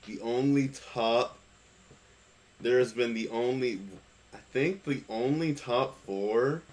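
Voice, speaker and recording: A man hosting a casual chat podcast, leading the questions in a brisk, profane way. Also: mid-range voice, a little mellow, low-quality recording. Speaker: podcast host.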